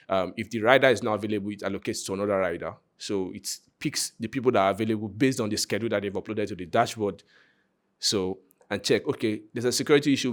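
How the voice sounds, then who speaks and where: A Nigerian man giving an informal, conversational live presentation of his project, joking and speaking directly to his listeners. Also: lowish voice. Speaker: content creator presenting a hackathon project.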